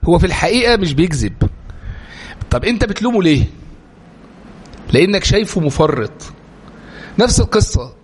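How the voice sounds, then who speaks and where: A man with an Egyptian Arabic accent lecturing to a live class, animated and full of rhetorical questions. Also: high-pitched, brisk, pauses often, breathy edge. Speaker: religious lecturer.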